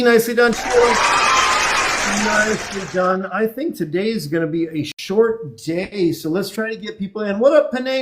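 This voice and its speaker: An energetic man hosts a live online dating show, his voice high for a man. Upbeat, encouraging and chatty, he greets viewers, reads their comments in live-stream chat and interviews callers.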